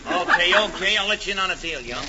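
A brash American gangster from an old radio comedy, bossy and menacing in his slangy tough talk. The voice sits high for a man. The old recording is muffled, with clear noise behind him. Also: lively intonation, quick pace. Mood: scheming.

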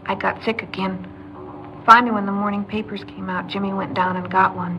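In confessional narration and dialogue from a mid-century American crime radio drama, an American-accented actress voices a young woman who is anxious and devoted, her delivery earnest, pleading and emotional. The mood is haunted and subdued; her natural, medium-pitched voice holds a steady tone at a brisk pace. The recording is muffled, with a little hiss or hum.

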